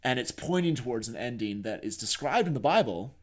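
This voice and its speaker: Speaking fairly quickly in an expressive, medium-pitched voice, this male podcast co-host works through his thoughts out loud in a reflective, conversational exchange.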